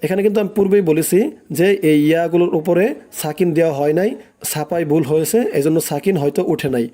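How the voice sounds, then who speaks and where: A man's voice: on the high side, fairly even intonation, fast talker, mellow. A man teaching a recitation lesson, breaking words into syllables, drawing out the recited phrases and having listeners repeat after him.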